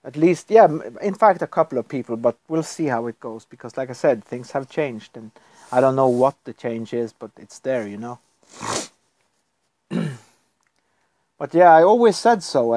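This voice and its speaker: A man from Norway, Norwegian by first language, chats on a live stream from his computer, wandering off topic and chuckling often. He speaks at normal speed in a mid-range, slightly mellow voice, captured in a dry recording.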